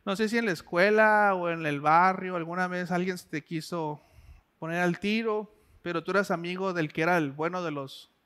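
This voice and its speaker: A man's voice: high-pitched, normal speed, a bit bright, clear, resonant tone. A man preaching a sermon in a conversational way, asking the listener direct questions.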